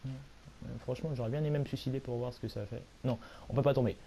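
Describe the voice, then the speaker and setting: A hoarse young man, a little sick, giving rambling, self-mocking commentary while he plays a video game at home. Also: medium pitch, steady tone, fast talker, dark tone, slight background noise. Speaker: gaming YouTuber. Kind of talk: casual let's-play commentary.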